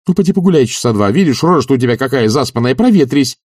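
A man's voice: mid-range voice, sing-song, brisk, gravelly, warm tone, slightly rough, no room sound, studio quality, voice pushed up, exaggerated voice. A man voicing an agitated, anxious idle nobleman who pleads and insists in an audiobook. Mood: urgent. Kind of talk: audiobook character reading.

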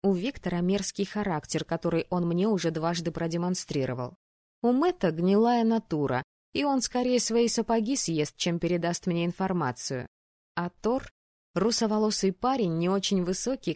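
A woman with a fairly low voice narrates a fantasy audiobook in the first person, in an even, composed storytelling manner. The recording is dry and close, with no room sound. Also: moderate pace, no room sound.

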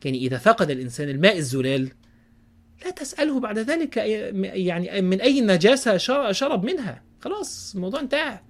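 A man preaching in casual Egyptian Arabic who gives folksy advice and checks in with his listeners, now and then dropping to a hushed voice. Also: high-pitched, big pitch swings, fast talker. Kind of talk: casual religious advice talk.

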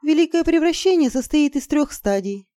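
A woman's voice: high voice, expressive, moderate pace, dark tone, dry recording, studio quality, voice pushed up. A woman voicing a panicky young sorceress. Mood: explaining. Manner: pleading, panicky. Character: anxious, fearful young female sorceress.

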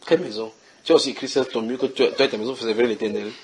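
A man's voice: mid-range voice, fairly even intonation, racing, crowd noise. A man preaching at a house church, reading Bible verses and questioning his listeners in a conversational way.

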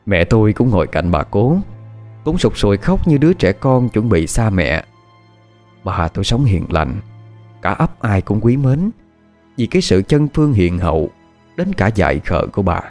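A man with a Southern Vietnamese accent narrating a horror tale, expressive and dramatic. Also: on the low side, normal speed, soft background music.

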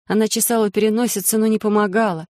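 Audiobook narrator, even storytelling pace, dry dead close sound. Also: mid-range voice, no echo. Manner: steady, measured storytelling. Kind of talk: scripted narration.

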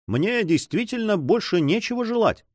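Man doing a quiet old governor, calm and kinda sad, dry close sound. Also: high-pitched, moderate pace, dry recording, pitched above the performer's own voice. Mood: gentle. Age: older. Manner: quiet, patient, gently sad.

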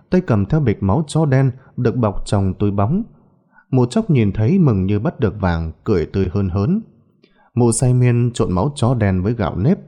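A man narrating a ghost story in a dramatic, expressive storytelling voice. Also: on the low side.

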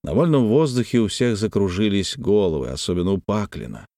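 Мужчина читает классическую прозу в аудиокниге, выразительно и размеренно. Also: male voice, lowish voice, no room sound, studio quality. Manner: expressive, measured reading. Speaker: audiobook narrator. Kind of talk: scripted literary narration.

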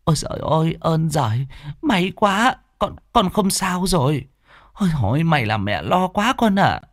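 A man voicing a fretful village mother, high and wailing. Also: very animated, moderate pace, no room sound, clean studio sound. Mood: tearful relief. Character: scolding female peasant mother, anxious and tearful.

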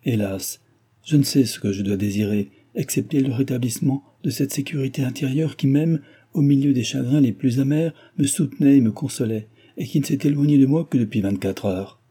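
An earnest, distressed young heiress from a classic novel, given voice by a male reader. She pleads her case in a raised, careful tone over a dark, husky vocal base. This is storybook narration from an audiobook. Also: medium pitch, a little fast, natural voice. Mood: pleading.

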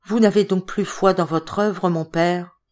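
A woman voicing a calm young bride with a harmonious, steady voice, in an audiobook reading. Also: mid-range voice, moderate pace, voice pushed up, lightly acted.

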